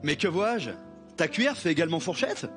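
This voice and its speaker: A man's voice: a little high, expressive, a little fast. A male comedian doing an improvised parody ad on a TV stage, in an overplayed salesman manner. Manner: hammy, overplayed salesman delivery. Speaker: comedian guest. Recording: loud studio music underneath.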